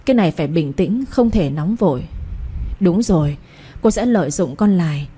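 A woman narrating a romance novel as an audiobook reader, with a steady, dramatic storytelling manner. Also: fairly low pitch, normal speed, slightly rough.

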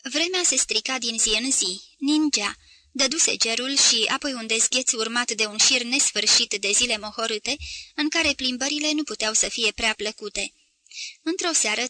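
A woman reading a novel aloud as an audiobook, telling the story at a measured pace and lightly voicing the characters' lines. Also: on the high side, pushed and bright, no echo. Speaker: audiobook reader. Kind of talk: scripted literary narration.

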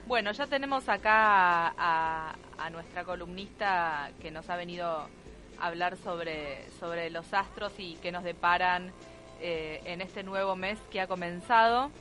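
A woman co-hosting a casual radio show, chatty and quick to laugh as she tells stories. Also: fairly low pitch, soft background music. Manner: chatty, laughs easily, animated storytelling. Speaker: radio co-host. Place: radio studio.

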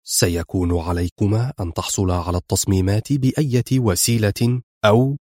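A man's voice: lowish voice, expressive, fairly quick, a little mellow, no room sound, studio quality. A man reading a stern, grave spy chief. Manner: firm, grave. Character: stern middle-aged male intelligence chief.

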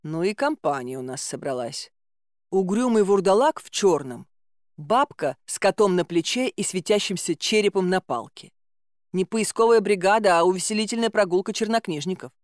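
A woman reads a fairy-tale audiobook in the first person, wry and expressive. Her voice sits at a middling pitch. The sound is dry and close, with no room around it. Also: moderate pace, dry recording. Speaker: audiobook narrator.

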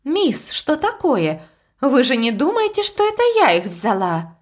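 A woman's voice: sits high, wildly swooping pitch, a little slow, voice pushed up, exaggerated voice. Defiant young housemaid, as a woman reads her. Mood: indignant.

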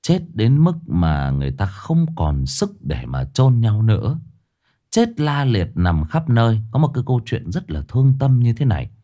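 A man with a fairly low voice tells a harrowing story straight to his listeners. His pitch leaps high for emphasis, then sinks low and somber, in loose, chatty speech full of restarts. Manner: animated, swings from high emphatic bursts to low somber drops; addresses listeners directly, casual with restarts.

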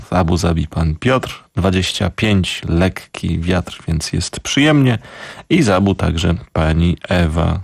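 A man with a very deep, gravelly voice hosts a live morning radio show from a dry, close-miked studio. He reads listener greetings in a relaxed, chatty way and laughs off his slips over foreign place names. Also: no room sound. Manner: warm-humored, chuckles at his own stumbles over foreign place names. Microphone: studio microphone.

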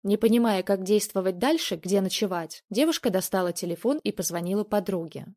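Woman narrator, storybook reading, measured, mid voice. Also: mid-range voice, a little mellow.

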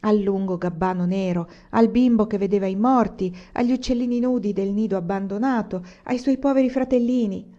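Lady reading a classic novel out loud, calm and expressive, dark warm voice, bit dull audio. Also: medium pitch. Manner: measured, expressive literary reading. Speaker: audiobook reader. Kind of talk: scripted narration of a novel.

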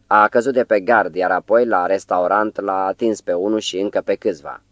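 A man voicing a nervous, flustered poet who talks in an anxious, hushed way, in an audiobook. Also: fairly low pitch, steady tone, no echo, close to an everyday voice. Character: nervous flustered male poet, middle-aged.

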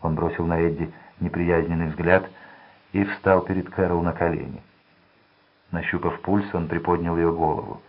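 A man reading a crime novel aloud in a steady, measured narration. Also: sits low, husky, lo-fi sound. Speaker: audiobook narrator.

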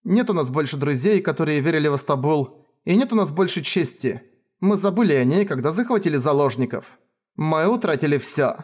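A man's voice: medium pitch, a little fast, hardly any pauses, close to an everyday voice. A man voicing a frightened, desperate young princess in a raised, strained, pleading voice. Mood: despairing.

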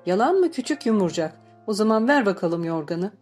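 A woman's voice: medium pitch, very animated, fairly quick, a little mellow, faint music behind, pitched above the performer's own voice, natural voice. A woman reading an audiobook voices a playful old grandmother who murmurs and scolds in fun. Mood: teasing.

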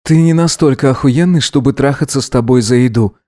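A man's voice: medium pitch, warm tone, no room sound, studio quality, lightly acted. A man voicing a prickly, broke young male student who snaps and throws insults in an audiobook drama. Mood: grudging, annoyed. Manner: snappish, indignant, quick to insult.

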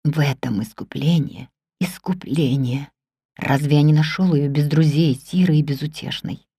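A woman reading the part of a passionate middle-aged man in an audiobook, pleading in a low, intense voice. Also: animated, a little slow, mellow, no echo, clean studio sound. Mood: brooding.

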